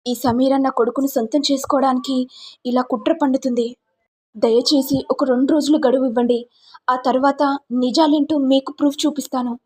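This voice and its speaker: A woman's voice: sits high, fairly even intonation, normal speed, darkish tone. A woman voicing a stern middle-aged mother-in-law who scolds her son and pleads with a police officer. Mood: pleading.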